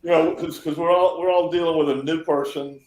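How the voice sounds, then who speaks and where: A man's voice: fairly high pitch, steady tone, fairly quick, darkish tone. A man, an editorial cartoonist, talking earnestly and with emphasis in a casual chat. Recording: roomy echo.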